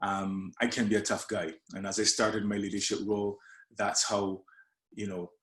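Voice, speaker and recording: A man's voice: lowish voice, flat delivery, moderate pace, fairly bright tone, reverberant. A man from Barbados, a coach giving a friendly leadership presentation with slides, often hesitating with fillers and restarts.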